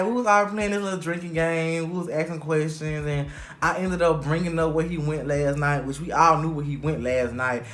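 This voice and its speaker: Animated, profane young man telling a story. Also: a little high. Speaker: vlogger telling a personal story. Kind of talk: casual storytime monologue.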